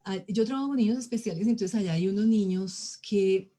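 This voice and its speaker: A woman lecturing to an audience. Her voice is mellow and warm, and she speaks expressively, acting out different tones of voice as examples. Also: medium pitch, brisk. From Colombia. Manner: expressive, demonstrates tones of voice, addresses audience directly. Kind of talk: public lecture.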